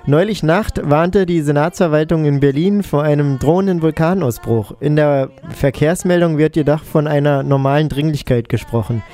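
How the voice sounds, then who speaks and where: A male radio co-host with a mellow, fairly high voice reads quirky news and tacks on dry, ironic comments. His delivery is loose and conversational. Faint music sits in the background. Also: normal speed, few pauses. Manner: dry ironic asides after each news item. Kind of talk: casual joking news reading.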